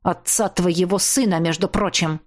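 A woman's voice: fairly low pitch, steady tone, natural voice. A woman putting on a crude, menacing ex-husband. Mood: gruff. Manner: coarse, mocking, slow menacing delivery. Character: crude threatening male ex-husband kidnapper.

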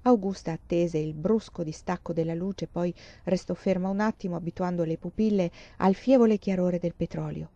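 A woman reading a novel aloud in a calm, measured way, on a dull lo-fi recording. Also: fairly low pitch, no room sound. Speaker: audiobook reader.

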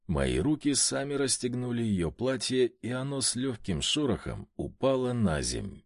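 Male audiobook narrator, expressive first-person reading, close dry studio sound. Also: mid-range voice, normal speed, no room sound.

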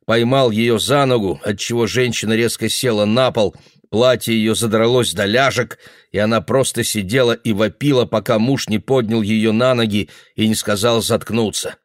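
A man reading a novel aloud in a steady, even narration. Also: lowish voice, normal speed, no room sound, studio quality. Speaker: audiobook reader. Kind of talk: literary narration.

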